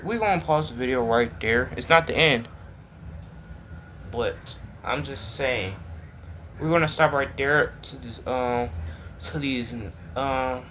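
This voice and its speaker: A man's voice: mid-range voice, background noise. Exasperated man reacting to a video. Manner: exasperated, repetitive, talks straight to viewers. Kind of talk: casual reaction commentary.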